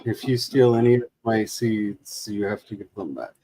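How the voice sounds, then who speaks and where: A man's voice: fairly low pitch, steady tone, moderate pace, dark tone, dry recording, rough recording. A man hosting a casual gaming stream, chatting in wry, rambling asides. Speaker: livestream host. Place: room shared with second speaker.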